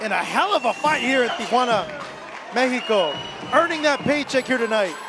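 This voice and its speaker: A man with a very high, excited voice gives live boxing play-by-play. He projects loudly, often shouting, with crowd and music clearly behind him. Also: moderate pace. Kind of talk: live fight commentary. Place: live boxing event in Tijuana.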